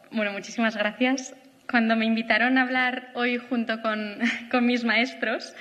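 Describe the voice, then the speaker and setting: A woman's voice: a little high, sharp tone. A woman of thirty giving a prepared conference talk, earnest and reflective, often adding "eh" and "¿no?". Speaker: conference speaker. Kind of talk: prepared lecture. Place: large auditorium. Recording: long auditorium reverb.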